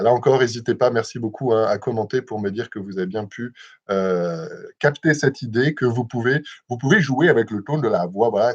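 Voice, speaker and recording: A young man hosting a live self-hypnosis session, talking gently and calmly with frequent hesitations, over a livestream mic. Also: lowish voice, slightly rough. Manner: gentle, measured, with many hesitations. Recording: dull lo-fi livestream audio.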